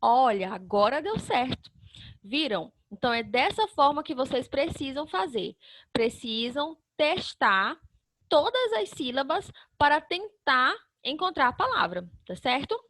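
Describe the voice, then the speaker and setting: A high-pitched woman teaches young children in a recorded online lesson. She walks through each step patiently, sounding out syllables one by one and answering her own questions. The sound is dry and close, with no room echo. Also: very animated, a little slow, fairly bright tone. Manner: asks the class questions and answers them herself.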